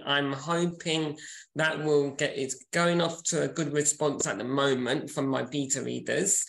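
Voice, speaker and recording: Gravelly-voiced man in his forties, echoey. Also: on the high side, fairly bright tone. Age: 40s. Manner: chatty, self-promoting, laughs often. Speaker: podcast co-host and author. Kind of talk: casual podcast chat.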